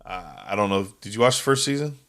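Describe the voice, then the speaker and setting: A man's voice: fairly low pitch, expressive, fast talker, crowd noise. A man co-hosting a casual podcast, rambling and chatty, often tripping over names. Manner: rambling, stumbles over names, laughs easily. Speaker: podcast co-host. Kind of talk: casual chat.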